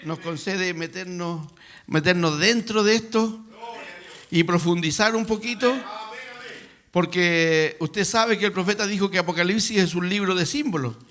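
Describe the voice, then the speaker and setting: A man's voice: high-pitched, unhurried, a bit bright. A man preaching a sermon in a church, asking rhetorical questions and building to emphatic passages. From Chile. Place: church sanctuary.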